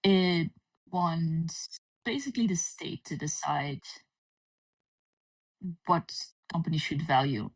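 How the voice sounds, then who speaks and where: Sitting low in pitch, a woman from the Netherlands chats casually as a livestream guest, pausing often. Her voice sounds far away and echoey, as if she were in a cave.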